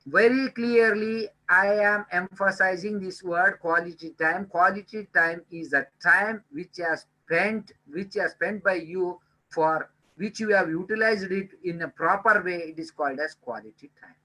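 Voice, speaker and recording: A man's voice: sits high, unhurried, bright, forceful tone, low-quality recording. A man giving a time management webinar lecture, earnestly repeating key points and addressing listeners as dear friends.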